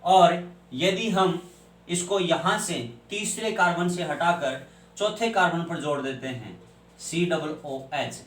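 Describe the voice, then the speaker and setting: A man's voice: fairly high pitch, slow, fairly bright tone, distant mic. A male chemistry teacher, lecturing and asking questions he then answers himself. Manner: asks questions and answers them himself, spells out names. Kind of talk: classroom lecture. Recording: echoey room, voice from off-mic.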